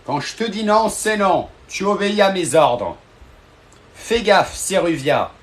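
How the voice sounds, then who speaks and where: A man's voice: high voice, lively intonation, a little slow, pitched above the performer's own voice. A man voicing a short-tempered male boss who scolds his followers with repetitive, threatening commands in a comedic live-stream rant. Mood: angry scolding.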